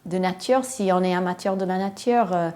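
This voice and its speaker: A woman's voice: lowish voice, moderate pace, a little mellow. Hesitant woman speaking French. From western United States. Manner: hesitant, frequent fillers, searching for words in a second language. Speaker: interviewee. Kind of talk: casual personal account.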